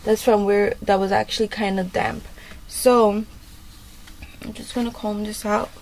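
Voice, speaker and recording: A woman's voice: mid-range voice, flat delivery, unhurried, creaky. A woman vlogger talking casually through a hair tutorial, rambling with lots of fillers. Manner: chatty and rambling, many fillers. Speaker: beauty vlogger.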